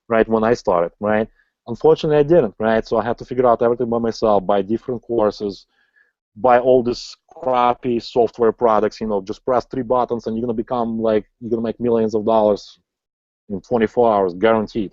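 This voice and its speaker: A man in his forties, not a native English speaker, gives a motivational sales webinar as an online marketing coach, often ending lines with "right?". His mid-range voice has a darkish tone, and the audio is slightly dull lo-fi with no echo.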